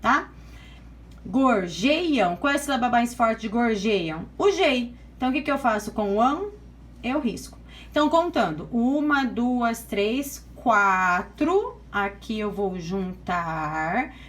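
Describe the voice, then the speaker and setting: A woman's voice: fairly high pitch, lively intonation, moderate pace. A Brazilian woman teacher explains a lesson step by step, counting aloud and checking in with "tá?" after nearly every point. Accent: Brazilian Portuguese. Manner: patient, step-by-step, frequent "tá?" checks. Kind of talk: online class lecture.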